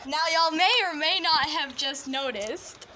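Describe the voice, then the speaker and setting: A woman's voice: high voice, unhurried, sharp tone. A young woman chatting late at night for her video, giggly and rambling. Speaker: video maker. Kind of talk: casual late-night chat. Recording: noisy home recording.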